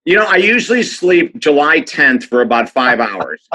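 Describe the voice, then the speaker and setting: A man's voice: fairly high pitch, sing-song, moderate pace, sharp tone, poor audio. A man, an author and speaker, telling stories as a podcast guest, enthusiastic and acting out the people he quotes. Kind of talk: animated storytelling interview.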